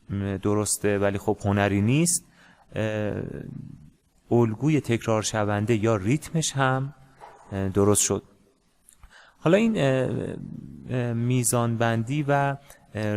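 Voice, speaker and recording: A man teaching a music lesson in a casual, hesitant way, with many pauses and fillers. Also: on the low side, darkish tone. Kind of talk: casual screen-share lesson.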